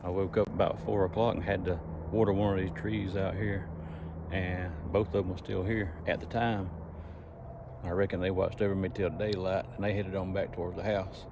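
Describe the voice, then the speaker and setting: Southern US man, camping vlogger, relaxed folksy drawl, somewhat low voice. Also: normal speed, background noise. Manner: folksy, drawling, laid-back. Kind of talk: casual vlog talk to camera. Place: camper in a pine forest.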